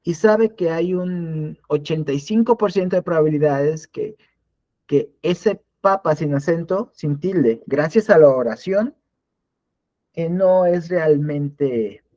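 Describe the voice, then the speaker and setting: A man's voice: on the high side, warm tone, dull audio. A man teaching a live online class in a conversational way, often restarting and repeating words. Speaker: instructor.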